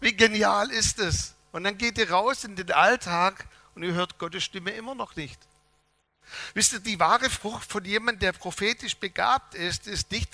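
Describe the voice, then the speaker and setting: A man delivers a sermon in a high, very bright voice, telling humorous stories with lively swings in loudness. The sound is dry and close, with no room echo. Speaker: preacher.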